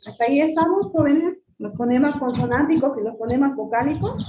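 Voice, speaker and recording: A woman's voice: high voice, animated, brisk, heavy background noise. A woman teacher giving an online class, explaining patiently, repeating her points and calling her students "jóvenes". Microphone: computer mic on a video call. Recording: echoey, phone-like video call audio.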